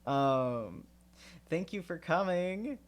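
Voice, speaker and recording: A man's voice: mid-range voice, unhurried, gravelly. A man with a stuffy, sniffly nose reading a novel aloud on a live stream, then chatting in a rambling way with lots of fillers. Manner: rambling, filler-heavy chat. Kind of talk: casual read-aloud stream.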